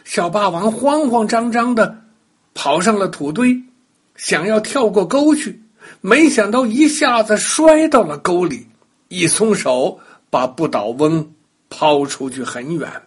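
An older man narrating a bedtime story for children, talking lively and speaking directly to the young listeners. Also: high voice, takes it slowly, slightly rough.

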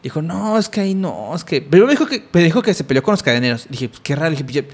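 A man's voice: a little high, sing-song, very fast. A young man with a Mexican Spanish accent, telling a story in casual chat, rambling with many fillers and restarts.

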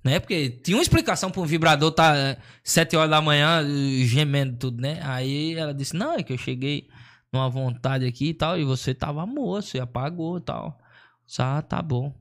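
A man, a comedian, telling a long story in casual chat, slangy and animated, acting out what people said. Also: fairly high pitch, moderate pace. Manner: slangy, animated, acts out quotes.

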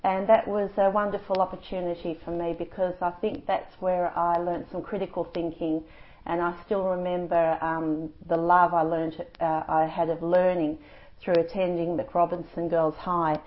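A woman's voice: lowish voice, level tone, normal speed. An Australian woman from Tasmania answering interview questions on community radio, friendly and articulate. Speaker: guest, Rotary district governor-elect. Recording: dull lo-fi radio recording.

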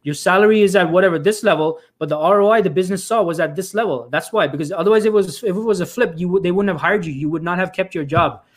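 A man with a high-pitched voice talks fast with few pauses while hosting a live stream as a career coach. He gives emphatic advice to job seekers, calls his audience "folks," repeats himself often, and keeps restarting and saying "uh."

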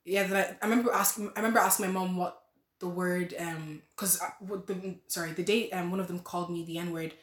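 A woman's voice: lowish voice, steady tone, fairly quick. An eighteen-year-old woman, a nursing student, speaking as a podcast guest in a rambling, casual way with many restarts. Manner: rambling, restarts, soft laughs. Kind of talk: casual interview chat. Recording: roomy echo.

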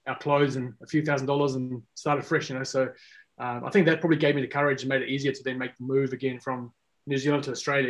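A relaxed, casual man from South Africa, whose first language is Afrikaans, chats as a guest on a laid-back podcast. He speaks at a medium pitch and rambles, with lots of fillers and restarts.

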